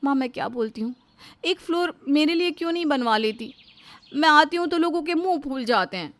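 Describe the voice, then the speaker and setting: A woman's voice: sits high, expressive, a little fast, a little hiss or hum, voice pushed up. A woman voicing a bossy, spoiled young married woman who scolds and taunts in storybook dialogue. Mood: taunting. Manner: loud, scolding, sarcastic.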